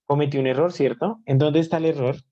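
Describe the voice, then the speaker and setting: A man's voice: fairly high pitch, steady tone, fast, warm tone, highs cut off. Man teaching a live online class. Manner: explanatory, checks in with students often. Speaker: math teacher.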